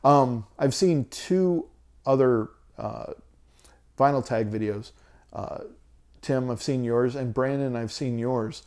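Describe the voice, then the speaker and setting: A man's voice: mid-range voice, slow, a little mellow. A man in his forties talking casually to camera about his records, hesitant with many ums and restarts, losing his voice. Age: 40s. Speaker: vinyl collector vlogger.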